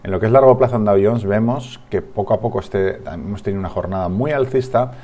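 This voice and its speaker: Low mellow-voiced man talking trading charts. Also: fast. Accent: Spain Spanish. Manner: thinking aloud, frequent restarts and tag questions. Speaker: trading analyst. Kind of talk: market analysis commentary over charts.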